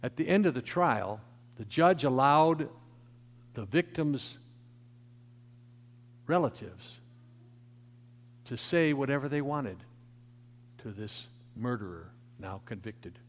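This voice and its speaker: A man preaching a sermon, his emphatic delivery swelling louder and then dropping soft. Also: mid-range voice, lively intonation, slow pace, pauses often. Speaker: pastor. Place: church sanctuary. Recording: long church reverb.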